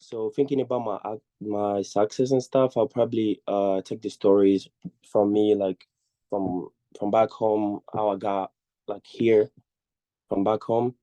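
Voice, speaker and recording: A man's voice: lowish voice, steady tone, a little slow, warm tone, dry recording, muffled recording. A young man from the Congo with a Congolese accent, speaking English as a second language and telling a personal story informally and hesitantly on a video call. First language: not English. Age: young adult. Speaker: student speaker sharing their journey.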